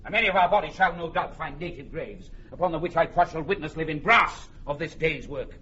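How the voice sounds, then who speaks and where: King Henry the Fifth, forceful and rousing. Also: fairly high pitch, expressive, fairly quick. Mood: defiant. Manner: declamatory, swings from hushed to ringing oratory. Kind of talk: classical Shakespearean stage-style acting. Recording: dull band-limited drama recording, background noise.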